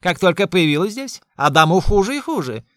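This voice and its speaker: A man's voice: sits high, sing-song, a little fast, a bit bright, no room sound, studio quality, pitched above the performer's own voice. A man voicing an older aunt who shrieks accusations. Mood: shrieking. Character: elderly aunt, shrill and accusing.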